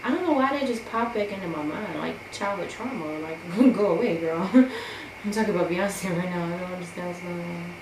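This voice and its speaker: A woman's voice: on the low side, brisk. Young woman chatting while doing makeup, rambly, lots of fillers, echoey room with noise behind. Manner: chatty, self-deprecating, rambling with many fillers. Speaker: beauty vlogger. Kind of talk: casual get-ready-with-me chat.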